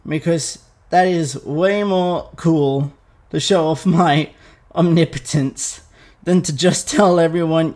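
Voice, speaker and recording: A young man talks slowly in a slightly high voice, retelling a story for his viewers. His tone is irreverent and chatty, with loose fillers and casual swearing. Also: a little mellow. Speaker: vlogger.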